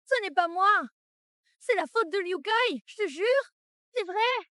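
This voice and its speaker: A woman's voice: very high voice, expressive, a little slow, a bit bright, no room sound, studio quality, full character voice. A woman voicing a scheming young fiancée who begs and wheedles in a French melodrama dub. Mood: denying. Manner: desperate, wheedling. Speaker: dubbing actress.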